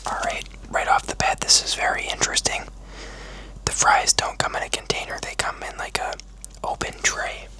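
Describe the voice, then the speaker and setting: Whispered asmr mukbang host, chatty and slow, super casual, right up close to the mic. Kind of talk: whispered ASMR food vlog.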